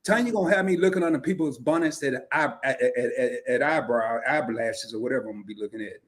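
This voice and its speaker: A man's voice: mid-range voice, quick pace. A man co-hosting a podcast in casual chat, playful and joking, often stumbling and restarting his sentences. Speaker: podcast co-host.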